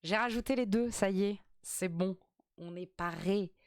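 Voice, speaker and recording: A woman's voice: mid-range voice, unhurried, darkish tone, no echo, studio quality. A woman streamer chatting casually and playfully while reacting to a TV quiz, swearing freely.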